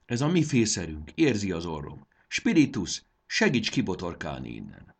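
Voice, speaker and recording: A man's voice: deep voice, wildly swooping pitch, slightly rough, heavily acted. A man voicing a brave, homesick young boy who speaks earnestly in a storybook reading.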